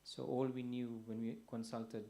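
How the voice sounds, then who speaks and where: A soft-spoken young man from Fiji tells his story hesitantly, pausing often and restarting his sentences. His voice is flat and even, with a dark, mellow tone. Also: medium pitch, creaky. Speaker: guest. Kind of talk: personal testimony.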